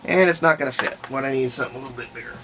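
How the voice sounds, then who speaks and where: A hobbyist restorer presents a repair video, thinking aloud in casual, unscripted commentary at his workbench as he works through a restoration. His mid-range voice is gravelly and creaky and races along, with clear background noise behind it.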